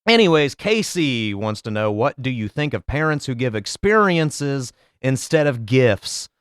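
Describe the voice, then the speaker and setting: A man's voice: mid-range voice, sing-song, measured pace, clear, resonant tone, no room sound, studio quality. A man hosting a solo podcast, talking in a sarcastic, profane, rambling way. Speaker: podcast host. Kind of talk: casual solo podcast commentary.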